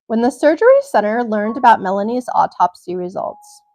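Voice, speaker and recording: This young livestream host reads a crime story aloud and occasionally cuts in with blunt, cursing comments. She speaks fairly quickly in a fairly high, slightly mellow voice that is very animated.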